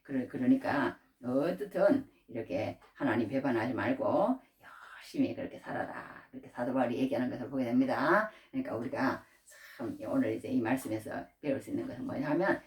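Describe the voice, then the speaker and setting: A middle-aged woman preaches a sermon conversationally, raising her voice when she acts out scripture. Her voice is extremely low and darkish, and she speaks fairly quickly. The mic is distant, giving a roomy sound.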